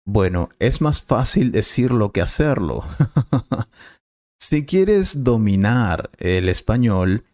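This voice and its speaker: Spanish teacher guy, patient and clear, dry close sound. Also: fairly low pitch, big pitch swings, slow, a little mellow, dry recording. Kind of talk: scripted lesson dialogue.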